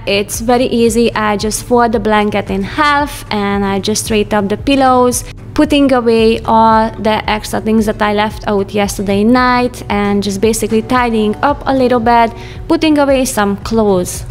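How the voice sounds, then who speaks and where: Chatty woman vlogger with a higher voice. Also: moderate pace. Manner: chatty, light laughs, non-native phrasing. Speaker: home vlogger. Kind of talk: casual voice-over narration. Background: soft background music.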